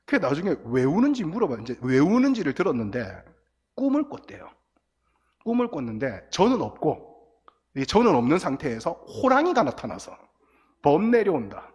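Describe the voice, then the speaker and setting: This sermon to teenagers comes from a middle-aged guest pastor whose voice is fairly high, fairly quick and husky. He tells vivid stories, performing the crying and the quotes himself. Recorded from the booth over the church sound system, the sanctuary adds a long reverb.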